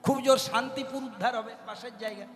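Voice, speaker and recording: A man's voice: extremely high pitch, steady tone, quick pace. A man giving a devotional kirtan sermon who keeps turning to the audience with questions. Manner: addresses the audience directly with questions. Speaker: kirtan singer and preacher. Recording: long hall reverb with music.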